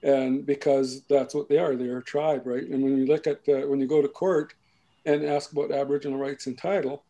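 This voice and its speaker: A man giving a slow, patient explanation of his people's dialects and lands, often checking in with the listener. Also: medium pitch, flat delivery, mellow, poor audio. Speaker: language and culture speaker. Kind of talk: explanatory talk.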